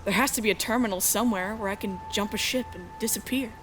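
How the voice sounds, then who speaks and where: Speaking quickly in a mid-range, slightly bright voice, a woman narrates in first person as a young runaway heroine in a visual-novel-style space adventure fan dub. Lightly acted yet dramatic and emotional, she sounds anguished and defiant, and the mood is tense and reflective against background music.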